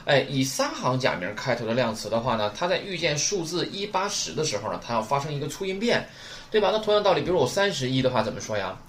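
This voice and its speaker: A man's voice: mid-range voice, very animated, quick pace, a bit bright, slight background noise. A man teaching a recorded lesson to learners. He is patient, repeats key points and keeps asking rhetorical questions. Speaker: Japanese teacher.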